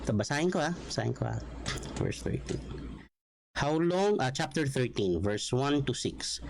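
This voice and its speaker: A man's voice: expressive, normal speed, creaky, slight background noise, poor audio. Filipino man preaching casually. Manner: conversational, mixing Tagalog and English, rising emphatic pitch on quotes. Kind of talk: Bible study sermon.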